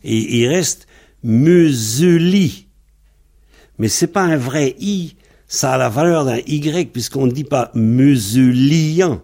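This man teaches Breton slowly and methodically, his gravelly, fry-edged voice sitting on the high side and a little mellow. Each word gets patient treatment as he spells it out one letter at a time.

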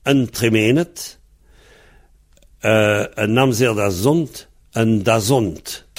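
A man's voice: medium pitch, husky. A man giving a patient lesson on Breton pronunciation, spelling out words letter by letter and comparing dialect variants. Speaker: Breton language teacher.

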